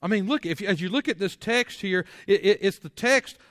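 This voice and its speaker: A man's voice: high-pitched, lively intonation, moderate pace, fairly bright tone, dry recording, studio quality, in a large hall. A man preaching a sermon to his congregation, folksy, full of rhetorical questions and repeated words. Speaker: pastor. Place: church sanctuary.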